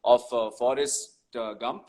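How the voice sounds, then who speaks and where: A man's voice: mid-range voice, steady tone, measured pace, crowd noise. A young man, a voice artist guest, chatting playfully and joking in a casual interview. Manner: playful, joking, many restarts.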